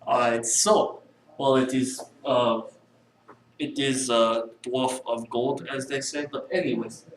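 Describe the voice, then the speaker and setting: A man's voice: mid-range voice, steady tone, lightly acted. A man playing a rambling hill dwarf with a put-on Russian-ish accent. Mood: musing. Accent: put-on vaguely Russian-sounding. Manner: stiff, old-fashioned phrasing, pauses mid-sentence. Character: gruff male hill dwarf adventurer, formal and rambling. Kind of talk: tabletop role-play. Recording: echoey room, far from the mic, faint hiss.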